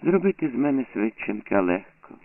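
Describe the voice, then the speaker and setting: Man doing a calm, wry old peasant neighbor. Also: medium pitch, brisk, no room sound, voice pushed up. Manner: calm, soft-spoken, gently ironic. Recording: tinny lo-fi phone-like sound.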